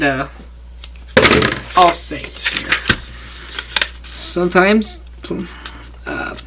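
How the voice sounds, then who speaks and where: A high-voiced man walks through a paper-craft project stage by stage in a relaxed, hands-on tutorial. He talks while working, rambling and stopping himself mid-sentence. It's recorded on a camera mic, with noisy, clicky home audio.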